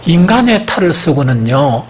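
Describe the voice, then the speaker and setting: A man preaching in a Gyeongsang accent, his pitch swinging widely from phrase to phrase. He keeps throwing questions out to his listeners and then answering them himself. It is the delivery of a pastor in full sermon mode. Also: moderate pace. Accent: Gyeongsang Korean. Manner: animated preaching with frequent rhetorical questions to the congregation.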